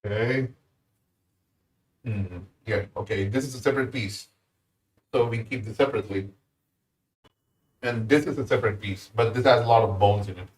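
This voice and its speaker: This man's voice is fairly low and moves at a normal speed, with long pauses in between. He has an Indian accent and keeps up an easygoing chat with viewers while cooking live, recorded from a distance in a roomy space.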